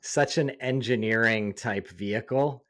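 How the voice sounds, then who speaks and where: A man hosting a podcast, chatting in a relaxed, friendly and curious way with his guest. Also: lowish voice, unhurried. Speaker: podcast host. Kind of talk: casual podcast interview and read ad.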